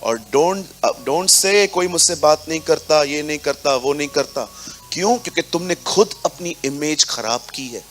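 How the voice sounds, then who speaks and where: A male preacher with a slightly high voice, leading a sermon in a church hall. He is animated and acts out small scenes as he talks, dropping words into his speech, with faint music playing behind him. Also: unhurried. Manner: animated, acts out little scenes, mixes English into Hindi. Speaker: pastor.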